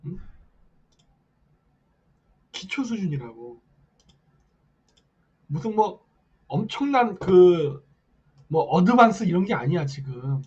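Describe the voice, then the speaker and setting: A man on a late-night political stream talks in a high, husky voice that swings widely up and down. He keeps pressing his viewers with rhetorical questions and a nagging "eh?" after each point. The audio is dull and lo-fi. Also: very animated, slow, pauses often, a little mellow. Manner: hectoring rhetorical questions with repeated "eh?" tags; reads viewer comments aloud. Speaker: live-stream host.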